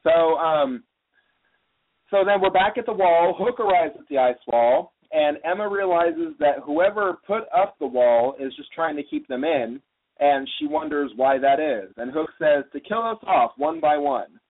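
A man's voice: fairly high pitch, expressive, unhurried. A man hosting a casual podcast discussion, recapping the story and steering the talk along. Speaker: podcast host. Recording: phone-like narrow audio.

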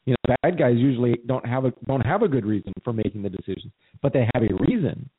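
A man's voice: mid-range voice, fast talker, husky. Man, co-host, casual talk, rambling and self-repeating, tinny phone-like sound. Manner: rambling, repeats words while thinking aloud. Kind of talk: casual conversation.

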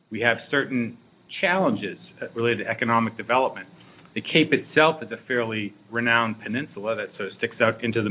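A man explaining things as an interview guest in a measured way. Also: mid-range voice, slightly rough. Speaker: interview guest, regional planning director. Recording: narrow muffled phone-like sound with faint noise.

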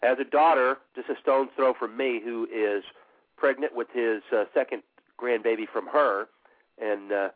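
A man hosting a call-in show in casual talk, halting and often repeating himself. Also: medium pitch, steady tone. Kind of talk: casual talk radio chat. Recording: muffled lo-fi internet radio audio.

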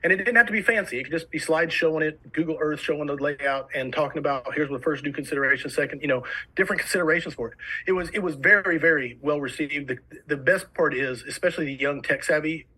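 A man's voice: on the high side, sharp tone, husky, rough recording. A man with a New Jersey accent, a fire service instructor eagerly telling stories as a podcast guest. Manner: eager, rapid storytelling. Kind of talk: casual podcast conversation.

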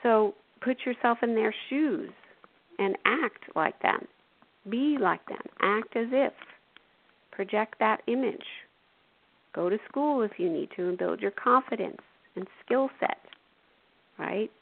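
Gravelly woman hosting spiritual radio talk. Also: a little high, slow pace. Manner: gentle, coaching, adds "you know" and "right". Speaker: radio show host and intuitive. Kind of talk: spiritual self-help talk. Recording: tinny phone-like radio audio.

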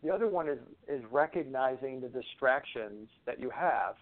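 A man in a relaxed interview, talking at an everyday middle pitch. He rambles and repeats himself and drops in a swear now and then. His voice comes over a thin, phone-like line. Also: normal speed. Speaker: guest, natural medicine practitioner. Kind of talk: conversational interview talk.

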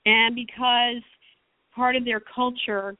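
Over a tinny phone line, a middle-aged American screenwriter guest speaks passionately in a phone-in interview, rambling and restarting frequently. Her voice is fairly high, her delivery flat and slow, with no room sound.

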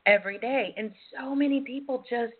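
A woman's voice: on the high side, brisk. A woman hosting a casual, chatty radio show, talking to listeners in a sassy, playful, familiar way. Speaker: radio talk show host. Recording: lo-fi, tinny phone-line internet radio.

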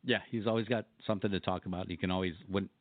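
Male co-host, very deep voice, rapid talker, dry phone-like sound. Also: steady tone, no echo. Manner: quick agreeing interjections. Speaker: podcast co-host. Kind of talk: casual chat.

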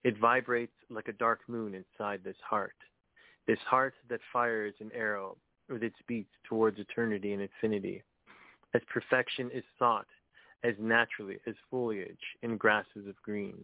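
A man's voice: lowish voice, fairly even intonation, moderate pace, no echo. Give me a man calling in to a radio show over a tinny phone line. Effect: heard over a phone line on a radio show. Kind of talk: casual chat, then reading his poems aloud.

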